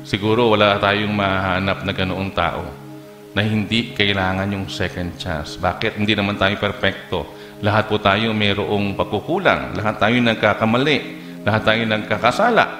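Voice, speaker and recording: A man's voice: on the low side, normal speed. Filipino-accented male pastor, conversational sermon full of fillers and questions to the flock, roomy church echo, faint music underneath. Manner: conversational Taglish preaching, hesitant fillers, asks the congregation. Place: church hall. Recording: echoey church hall.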